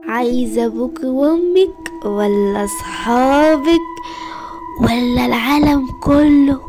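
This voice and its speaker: A woman voicing a sinister evil man who keeps captives, speaking in a slow, menacing, taunting way with an Egyptian Arabic accent. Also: high voice, music in the background, pitched below the performer's own voice.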